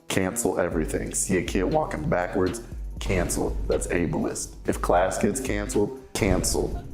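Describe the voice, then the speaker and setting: Deep, sarcastic man as a young male virtual influencer, comedy clip, music bed. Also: lightly acted. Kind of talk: comedy sketch video clip. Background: background music.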